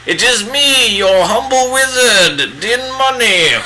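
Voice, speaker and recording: A man's voice: very high-pitched, lively intonation, music in the background, full character voice, low-quality recording. A man playing a pompous bearded old wizard with a put-on British accent, hamming it up while he paints live. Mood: grandiose. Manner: hammy, drawn-out theatrical wizard speech.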